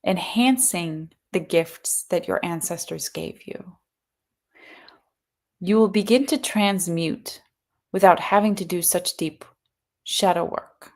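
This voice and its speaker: A solemn seance medium channels a serene spirit collective , performed by a woman. The voice is gravelly with fry and sits a little low. Each pronouncement comes slowly and deliberately, as a trance message. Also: darkish tone. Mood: solemn, encouraging.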